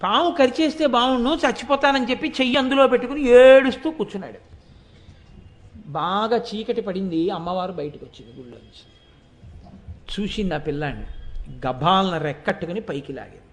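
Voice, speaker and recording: A man giving an animated devotional storytelling discourse, asking the listeners rhetorical questions. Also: high-pitched, a little fast. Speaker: devotional speaker.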